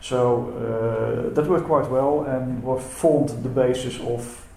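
In an echoey lecture hall with faint background noise, a Dutch-native man presents at a symposium, hesitating and repeating words amid many fillers. He speaks slowly with fairly even intonation, a warm medium-pitched voice, and some vocal fry.

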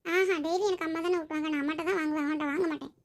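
A woman's voice: very high-pitched, steady tone, very fast. A woman voicing a stubborn little boy who sulkily refuses to eat without his mother. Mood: sulky. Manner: sulky, whiny, defiant.

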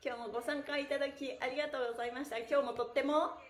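Her voice sits high and races along as this middle-aged woman runs a livestreamed stretch class with cheerful, giggly encouragement. A pantomime performer too, she chants counts and slogans energetically between chats with viewers. A phone or camera a short way off captures her in a small, bare-walled, echoey indoor room.

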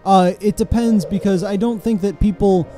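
A man's voice: sits high, fairly even intonation, normal speed. A tired young man co-hosting a casual let's-play, laughing often and making sardonic remarks. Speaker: co-host. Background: game music.

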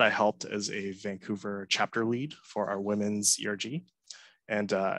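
A man in his thirties, from Hong Kong, giving a prepared conference talk over a headset on a video call, earnest and measured with many uh fillers. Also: on the low side, pushed and bright, no echo, poor audio. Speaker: conference speaker. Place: home room, indoors. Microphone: headset mic on a video call.

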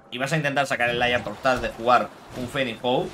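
A man giving live gameplay commentary as a streamer, animated, taunting his opponent and dropping in English phrases. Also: medium pitch, slight background noise.

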